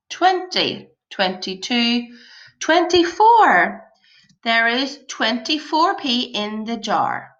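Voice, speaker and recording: A woman with a bright voice teaches young children in the manner of a kids show host. She takes her time, encouraging and praising as she puts questions to them. The recording is a little dull and lo-fi. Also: a little high. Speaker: primary school maths teacher.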